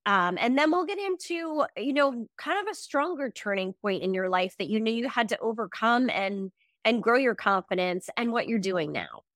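A woman's voice: on the high side, animated, moderate pace, a bit bright, no echo, clean studio sound. A woman hosting a podcast, introducing her guest with enthusiasm. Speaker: podcast host.

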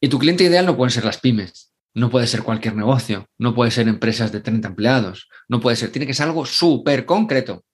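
A man's voice: medium pitch, lively intonation, slightly rough. A man, a guest in a podcast interview, explaining sales with emphatic, acted-out asides. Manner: emphatic, acts out clients and doctors in quick asides. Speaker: guest, sales and LinkedIn growth expert. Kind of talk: animated podcast interview answer.

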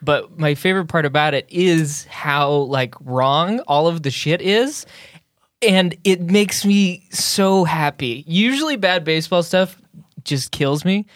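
Man, podcast co-host, animated delivery, slightly high pitch, dry sound. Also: a little slow, no echo. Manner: excitable, laughs often, loves baseball. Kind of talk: casual podcast chat.

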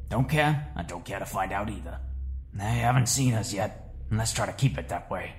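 A man voicing a gruff, grumpy male spaceship captain who talks in a slangy drawl. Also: on the low side, normal speed, a little hiss or hum, lightly acted.

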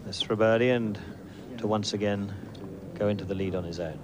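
A man's voice: lowish voice, fairly even intonation, moderate pace. A man working as a golf commentator, calling play live in short, repeated exclamatory phrases. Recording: very noisy outdoor broadcast with loud crowd. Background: loud crowd and outdoor noise.

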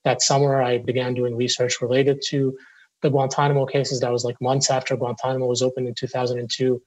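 A man's voice: mid-range voice, level tone, a little fast, a little mellow, rough recording. A man in his forties, a lawyer from Syria who grew up in the Middle East, speaking earnestly in an interview with frequent restarts and repetitions. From Syria, raised in the Middle East.

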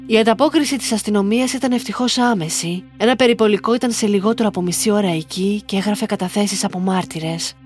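A woman tells a listener's story in the first person, reading a script at an unhurried, even pace. Her voice sits in a middle pitch. Soft music plays faintly beneath her.

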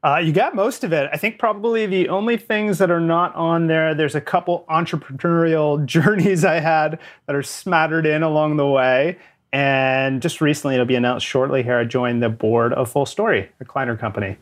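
A Canadian man speaking as a guest in a business interview, thoughtful and measured. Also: a little high, steady tone. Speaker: guest, sales executive. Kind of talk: casual interview.

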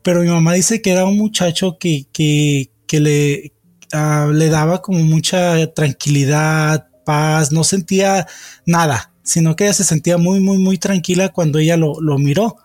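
Man, a bit high, dry close sound; hesitant guest storyteller with many fillers. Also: steady tone, a little slow, a little mellow, no echo. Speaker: guest telling a personal story. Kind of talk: casual spoken storytelling.

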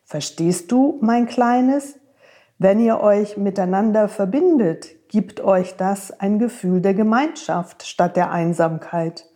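A woman voicing a wise, gentle horse who speaks tenderly and reassuringly to a young friend. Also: mid-range voice, slow, close to an everyday voice.

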